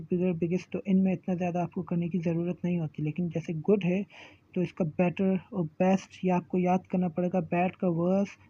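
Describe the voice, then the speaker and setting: A woman teaching an English grammar lesson, patiently repeating examples and slowing down to spell them out. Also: lowish voice, warm tone, breathy edge, dull audio. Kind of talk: classroom grammar lecture.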